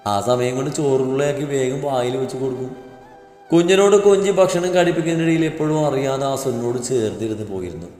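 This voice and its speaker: A man softly narrating a romantic story. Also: mid-range voice, animated, fast. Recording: roomy reverb with faint music.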